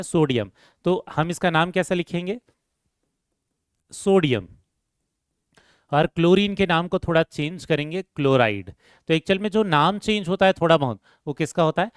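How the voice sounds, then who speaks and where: A man's voice: a little high, clean tone, no echo, clean studio sound. Man explaining chemistry with question-and-answer lecturing. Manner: asks the class questions and answers them himself; calls students "beta", repeats key terms. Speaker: chemistry teacher. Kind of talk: classroom lecture.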